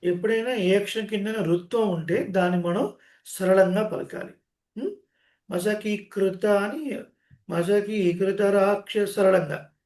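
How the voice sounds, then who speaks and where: A man teaching Sanskrit verses in an online call, chanting each line slowly and correcting how it is pronounced. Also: high-pitched, a little mellow, echoey room. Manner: slow, drawn-out chanting, correcting pronunciation. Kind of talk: chanting lesson with call and response. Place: online meeting.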